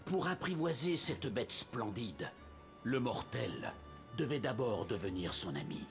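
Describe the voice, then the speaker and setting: A man's voice: medium pitch, sing-song, a little slow, vocal fry, faint music behind. A man voicing a game's narrator, telling the story in a scripted, storybook way. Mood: storytelling. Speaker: game narrator.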